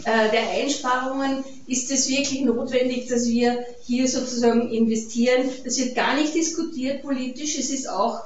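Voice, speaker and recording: Austrian woman, higher voice, hesitant public talk, heard from afar in a muffled, echoey hall. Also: fairly even intonation, moderate pace, few pauses, recorded from a distance, slight background noise. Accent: Austrian German. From Carinthia, Austria. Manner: hesitant, many fillers and restarts. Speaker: speaker at a peace event. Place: event hall.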